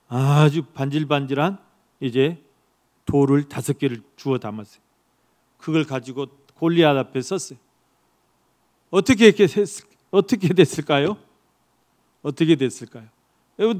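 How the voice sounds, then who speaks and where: A male pastor preaching a sermon as a lively story, acting out the characters' dialogue and putting questions to the congregation. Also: a little high.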